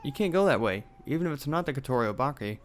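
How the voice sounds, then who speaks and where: A young man hosts a let's play, reading a horror game's dialogue aloud with some drama and tossing in asides laced with swearing. His medium-pitched voice moves fast with lively intonation, and soft music plays in the background.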